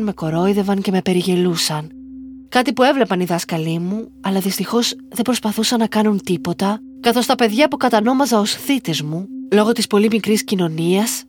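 A woman reading a listener's first-person story aloud in slow, measured scripted narration. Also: medium pitch.

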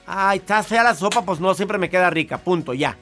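A man's voice: high-pitched, normal speed, fairly bright tone. A fretful wife , put on by a man, tumbles over her own apologies in a raised, fluttery voice. She is anxious and self-blaming, and her voice is lifted well above a normal speaking voice. A faint bed of music sits underneath. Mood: flustered. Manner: flustered, repeats apologies.

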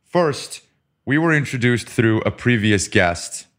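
A man's voice: mid-range voice, expressive, slow pace, fairly bright tone. A man hosting a business podcast interview, upbeat and joking as he reads out his guest's background. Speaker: podcast host. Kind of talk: casual interview.

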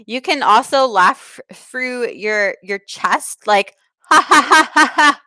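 A self-proclaimed self-care expert stumbles through broken English, restarting her sentences and mangling grammar, as a woman plays her in a comedy bit. Her voice is bright and a touch high. The sound is dry and close. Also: takes it slowly, no echo. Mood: deadpan advice. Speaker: comic advice giver.

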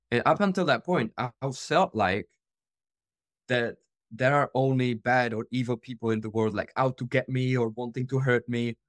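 In a studio-quality recording with no room sound, a man in his 20s from the Czech Republic speaks in a mid-range voice. He's a podcast guest sharing his life story through casual interview storytelling, earnest, open and full of fillers.

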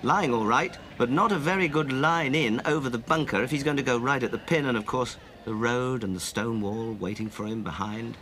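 A man working as a golf commentator, giving live commentary in a measured way with exclamations and rhetorical questions. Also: medium pitch. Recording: old outdoor broadcast, loud crowd and noise. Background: crowd and outdoor noise.

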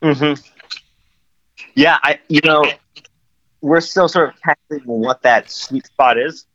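A man talking on speakerphone with the phone held away from him, so his voice comes back echoey and cuts in and out. He explains things in a relaxed, conversational way with many fillers. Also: on the high side, takes it slowly. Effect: speakerphone with the phone held away, echoey and cutting in and out. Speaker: guest. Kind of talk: casual interview. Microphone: phone on speakerphone away from his mouth. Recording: dull, echoey phone line.

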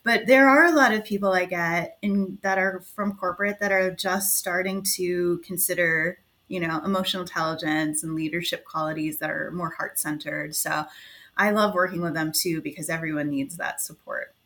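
Guest: gushing woman coach, slightly low register, chatty and eager. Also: fairly even intonation, normal speed, a bit bright. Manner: enthusiastic, gushing, lots of "like" fillers. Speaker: equine-partnered life coach, guest. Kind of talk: casual interview chat.

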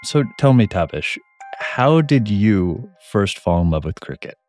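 A man hosting a news podcast, reading scripted narration and asking interview questions in a measured, lightly playful way. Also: lowish voice, very animated, music in the background. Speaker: podcast host.

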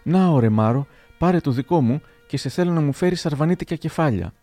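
A man reading the lines of a hot-tempered, rough-spoken general, raising his voice. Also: on the high side, lively intonation, mellow, faint music behind, voice pushed up. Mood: gruff. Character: hot-tempered old-time male general, gruff.

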